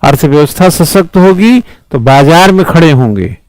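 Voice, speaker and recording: A man's voice: on the high side, lively intonation, moderate pace, a little mellow, no echo, rough recording. A man teaching a civil services exam class, lecturing emphatically with rhetorical questions and repeated phrases.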